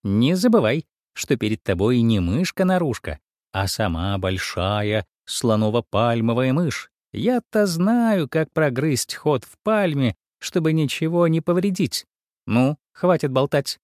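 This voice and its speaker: A man voicing a bossy, chatty big female mouse in a storybook reading, with a squeaky voice. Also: very animated, a little slow, a little mellow, dry recording, studio quality. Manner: bossy, fussy.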